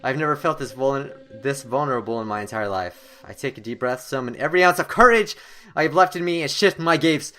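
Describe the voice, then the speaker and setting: At a medium pitch and a fairly quick pace, a young gaming video host reads a horror game's story text aloud dramatically and excitedly, tripping over words occasionally.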